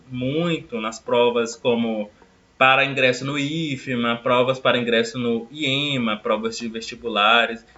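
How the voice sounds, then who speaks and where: A man teaching a recorded grammar lesson, explaining step by step and drawing out example words slowly. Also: medium pitch, bright, forceful tone, highs cut off.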